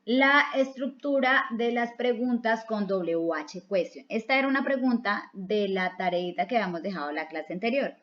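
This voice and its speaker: A woman's voice: medium pitch, normal speed, few pauses. A woman from Colombia teaching a recorded online English class, explaining each step patiently and repeating key words in two languages. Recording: dull lo-fi recording.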